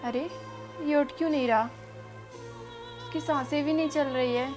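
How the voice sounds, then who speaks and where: Home skit: careless young mother who scolds her kids, played by a woman; high-pitched, shrill when yelling. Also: fairly even intonation, moderate pace, over music, lightly acted. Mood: grieving. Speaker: actress in a family skit. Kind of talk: home-made family drama acting.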